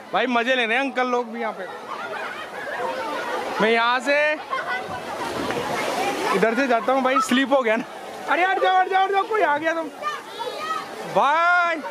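A young man shouts excitedly into an arm's-length camera as he walks through a crowded outdoor pool. His voice sits very high. A loud crowd and heavy splashing fill the background. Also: very noisy. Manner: loud, hyped, calls viewers "bhai". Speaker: vlogger. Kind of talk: excited vlog walkthrough. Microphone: action camera held at arm's length.

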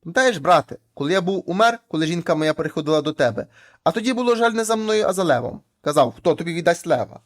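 A man's voice: a little high, lively intonation, fast talker, natural voice. A man voicing a patient, cunning poor peasant in a folk tale, in plain storytelling speech. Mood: scheming.

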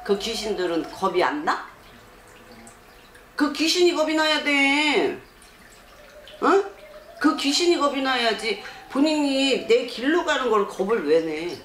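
A woman's voice: high-pitched, sing-song, unhurried, long pauses, a bit bright, echoey room, slight background noise. A woman shaman fortune teller bluntly counseling a client, scolding her and pressing with rhetorical questions.

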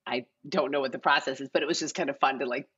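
Speaking fast in an extremely low, fairly bright voice with a breathy edge, a middle-aged casting director chats as a podcast guest. Her conversational talk is full of "like" and "you know." The slightly dull audio comes from a video call in her large living room at home, with no close mic in view.

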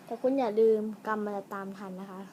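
A woman's voice: mid-range voice, fairly even intonation, quick pace, lo-fi sound, noisy background. A woman chatting casually to viewers as she unboxes and reviews toys at home, musing aloud and trailing off. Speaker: vlogger reviewing toys and snacks. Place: room at home.

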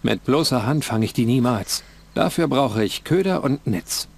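An actor playing a young, earnest, dutiful bird catcher in a fantasy adventure game, musing to himself. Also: male voice, mid-range voice, lively intonation, normal speed, gravelly, noisy background. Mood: pensive. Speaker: game protagonist.

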